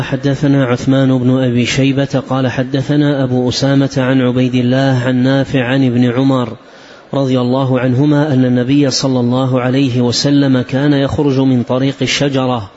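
A man reads chains of narration aloud for a lesson in a steady, formal recitation. His pitch barely moves, and the recording is muffled and lo-fi. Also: brisk. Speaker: text reader in a lesson.

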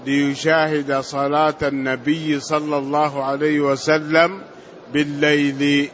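Man, slightly high voice, very unhurried chanted reading, lesson recitation. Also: little pitch movement, fairly bright tone, highs cut off, a little hiss or hum. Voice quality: reads in a slow chanting lilt. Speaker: student reading a hadith commentary aloud. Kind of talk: measured text recitation.

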